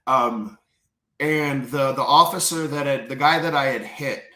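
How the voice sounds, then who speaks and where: A man's voice: medium pitch, measured pace, pushed and bright, roomy sound. A man intensely retelling a painful personal experience as a memoir author, repeating phrases as he tells it. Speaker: memoir author telling his prison story. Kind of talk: personal storytelling.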